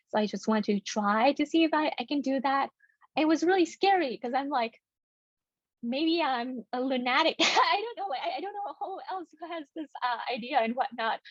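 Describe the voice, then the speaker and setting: A woman's voice: fairly high pitch, dry recording, dull audio. A young woman from Vietnam, a native Vietnamese speaker, speaking earnestly as a children's book author on a panel, with many fillers and restarts. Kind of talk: panel discussion.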